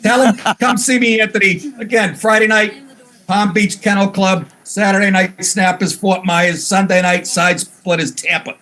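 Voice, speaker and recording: A man's voice: high-pitched, steady tone, normal speed, pushed and bright. Teasing wisecracking male comedian. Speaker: guest comedian. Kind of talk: casual banter.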